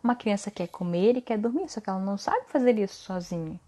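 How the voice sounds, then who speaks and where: A woman's voice: mid-range voice, expressive, fast, dark tone. A woman, a mother hosting a casual live stream, coaching other mothers earnestly and often ending phrases with a questioning "tá?". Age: adult mother.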